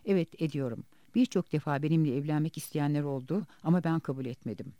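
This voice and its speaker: A man reading the part of a bitter, wounded woman house cleaner in an audiobook, in a quiet, subdued way. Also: a little high, fast talker, no echo, lightly acted.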